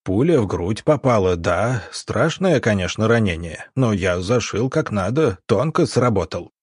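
A man's voice: fairly low pitch, lively intonation, a little slow, husky, no echo, clean studio sound. A man doing a smug scheming army doctor. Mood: wheedling. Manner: wheedling then snarling.

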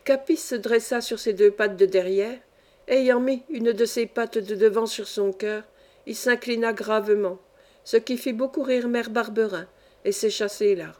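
A woman narrates a classic novel aloud in measured, expressive storytelling. Her voice sits somewhat high for a woman. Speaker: audiobook reader.

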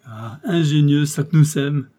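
A man voicing an excitable old professor. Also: on the high side, normal speed, slightly rough. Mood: exalted. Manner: exclamatory, abrupt. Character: excitable older male professor, impatient and domineering. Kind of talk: audiobook character voice.

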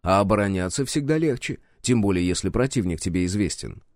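A man's voice: on the low side, animated, a little fast, a little mellow, no room sound, clean studio sound. A man narrating a first-person audiobook in a wry, sardonic storytelling manner.

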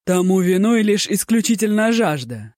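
A narrator voicing a blunt, gruff male court officer. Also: medium pitch, very animated, normal speed, darkish tone, no room sound, clean studio sound, voice pushed up, lightly acted.

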